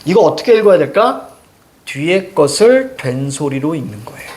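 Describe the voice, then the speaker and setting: A male teacher leads a classroom lesson with a lively, swooping delivery. His voice sits a little high for a man. He keeps stopping to quiz his students and check they follow. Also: moderate pace. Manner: animated, questioning students, drawing on a board. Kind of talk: classroom lecture.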